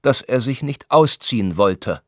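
A man voicing a brusque, impatient spa doctor who talks down to his patient in a gruff, scolding way. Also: medium pitch, expressive, measured pace, dry recording, clean studio sound, close to an everyday voice.

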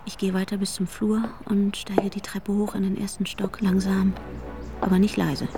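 An actress playing an anxious young woman haunted by trauma, narrating her own story in the first person with an intense, breathy delivery. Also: mid-range voice, level tone, normal speed, natural voice. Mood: tense. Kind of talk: audio drama narration. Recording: music playing underneath.

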